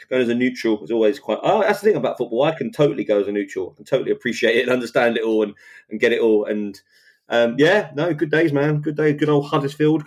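Husky guy laughing a lot while swapping football stories, mid pitch. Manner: laughing, animated interjections. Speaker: podcast co-host. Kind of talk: casual chat.

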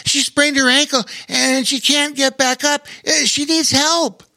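A man's voice: sits high, a little slow, bright, forceful tone, voice pushed up. A man voicing a young boy who talks in a breathless, urgent rush in a storybook reading.

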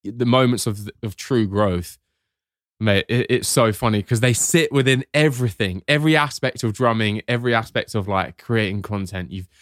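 A man's voice: lowish voice, normal speed, no echo, clean studio sound. A man co-hosting a podcast in casual chat, easygoing and often calling his friend "mate". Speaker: podcast co-host.

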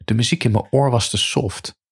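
A man's voice: mid-range voice, normal speed, slightly rough. A man narrating a first-person story in a dry, matter-of-fact way.

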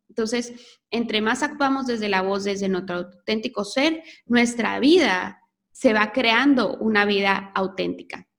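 A woman's voice: on the high side, a bit bright. A woman talking earnestly to the camera in a reflective self-help talk, often restarting as she searches for words and addressing the listener directly. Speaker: host.

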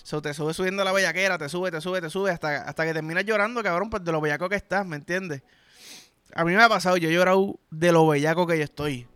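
A man's voice: sits high, fast, a bit bright, clear, resonant tone, dry recording. A young man with a Puerto Rican accent, hosting a podcast in a crude, rambling comedic monologue full of slang. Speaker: podcast host.

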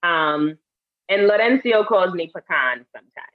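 A woman's voice: on the low side, lively intonation, a little slow, lo-fi sound. A woman from Harlem, New York, co-hosting a casual chat and telling stories with a laugh. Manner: laughing, chatty storyteller. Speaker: co-host.

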